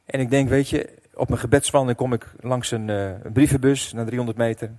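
A middle-aged man preaching a sermon as pastor, telling a personal story with emotion, dropping to a hush and then rising loud. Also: mid-range voice, fairly even intonation, a little fast. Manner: emotional storytelling, swinging between hushed and loud.

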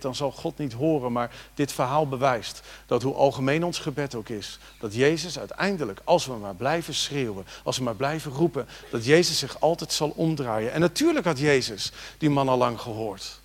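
A man preaching a sermon, moving between quiet reflection and loud, rising exhortation and speaking directly to his congregation with rhetorical questions. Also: medium pitch. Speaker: pastor.

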